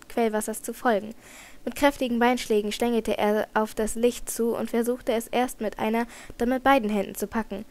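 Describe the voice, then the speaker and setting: A woman reading a children's adventure novel aloud in even narration, with occasional slips she corrects. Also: a little high. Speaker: audiobook reader.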